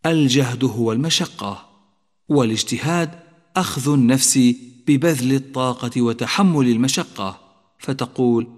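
A man teaching Quran recitation rules, explaining calmly and chanting the examples slowly. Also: mid-range voice. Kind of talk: tajweed lesson with slow recited examples. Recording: long reverb.

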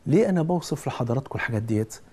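Fast-talking Egyptian preacher man. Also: mid-range voice, expressive, darkish tone, slightly rough. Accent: Egyptian Arabic. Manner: earnest, directly addressing the listener with repeated pleas. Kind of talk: sermon.

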